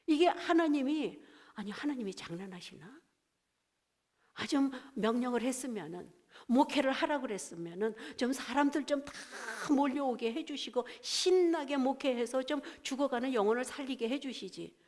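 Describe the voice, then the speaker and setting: A middle-aged woman pastor preaching a sermon in animated storytelling fashion, acting out the voices of biblical figures. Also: high voice, normal speed. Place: church sanctuary.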